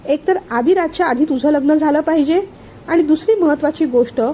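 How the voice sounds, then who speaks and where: A woman voicing a calm older man who patiently explains and soothes his friend. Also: high-pitched, fairly quick, a little hiss or hum, close to an everyday voice. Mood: calm, persuasive. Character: calm older male friend and family elder.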